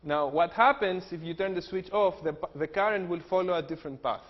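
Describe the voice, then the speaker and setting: With a high-pitched voice and a slightly fast pace, a Greek engineering professor explains technical material, jokes around, and uses "uh" frequently. He speaks with a Greek accent, and the lo-fi lecture hall recording is dull, with a long reverb.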